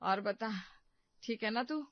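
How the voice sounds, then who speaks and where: A woman's voice: a little high, slow pace, muffled recording. A woman voicing a weary middle-aged mother-in-law who scolds, then placates. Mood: placating.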